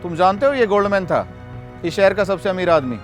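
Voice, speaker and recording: An actor playing a relaxed, teasing police station officer. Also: male voice, high voice, fairly quick, faint music behind. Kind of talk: comic web-series acting.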